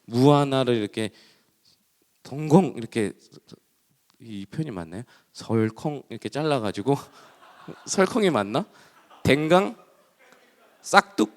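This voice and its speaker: A man in his thirties preaching a sermon as a pastor, telling a personal story in a lively way and acting out the dialogue. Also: medium pitch, measured pace, long pauses. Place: church hall. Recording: long reverb of a church hall.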